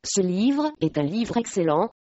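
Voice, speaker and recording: A woman's voice: mid-range voice, big pitch swings, a little slow, dark tone, no room sound. A sleepy, bumbling old chaplain monk, half awake and fond of food, as a woman narrator puts him on. The recording is dry and slightly muffled. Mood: drowsy.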